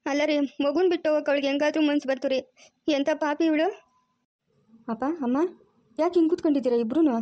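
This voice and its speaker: A woman voicing a loud, frantic grandmother who scolds and wails, with a rural Chikkaballapur Kannada accent. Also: high voice, fairly even intonation, quick pace, long pauses, dry recording, studio quality, lightly acted. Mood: pleading. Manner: scolding, wailing. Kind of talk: cartoon voice acting.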